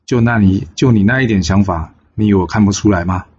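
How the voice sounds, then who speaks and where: A man voicing a shrewd, good-humored older strategist in a storybook tale, calm and knowing. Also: on the low side, fast talker, highs cut off, a little hiss or hum, close to an everyday voice.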